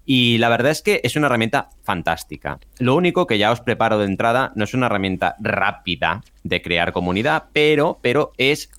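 A man's voice: medium pitch, sing-song, a little fast, few pauses, a bit bright, dry recording. A man co-hosting a podcast, explaining marketing in an upbeat, explanatory way. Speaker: podcast co-host and marketing guest expert. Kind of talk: casual podcast talk.

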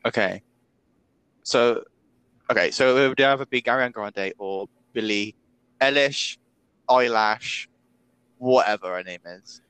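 A man's voice: on the low side, moderate pace, fairly bright tone, smooth, dry recording, low-quality recording. A man co-hosting a casual podcast chat, teasing his friend in a playful way. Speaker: podcast co-host.

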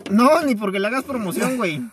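A man's voice: extremely high pitch, lively intonation, fast talker, a bit bright, slightly rough, no room sound. A young man with a Mexican Spanish accent, hosting a podcast with casual teasing and swearing. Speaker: podcast host. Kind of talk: casual banter.

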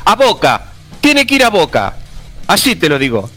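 A man's voice: high voice, huge pitch swings, moderate pace, bright, forceful tone, faint music behind. A man, arguing his point emphatically as a pundit on a comic football panel and repeating himself. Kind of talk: heated comic panel debate.

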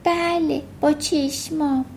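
A woman's voice: high voice, steady tone, vocal fry, darkish tone, a little hiss or hum, voice pushed up. A woman voicing an earnest little schoolgirl with strange powers, telling things plainly.

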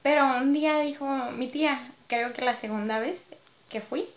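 A woman with a Mexican accent, a dancer and choreographer, telling stories as a podcast guest in a lively way, laughing often. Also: sits high, moderate pace, dull audio. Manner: lively, laughs often, acts out her own past remarks. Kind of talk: casual interview storytelling.

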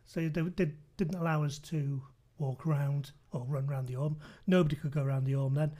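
A chatty man hosts a relaxed podcast conversation, his voice sitting fairly high for a man. His tone is mellow and soft-edged, and he keeps tossing tag questions back to his guest. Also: a little fast. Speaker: podcast host. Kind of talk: casual podcast chat.

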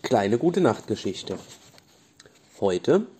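A man gently reading bedtime stories for children, with small restarts now and then. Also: on the low side, big pitch swings, takes it slowly. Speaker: storyteller.

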